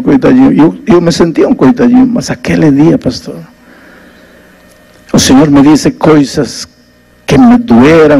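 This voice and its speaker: A man preaching a sermon as a pastor, telling a story with dramatic shifts between hushed low lines and raised ones. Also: breathy edge, rough recording.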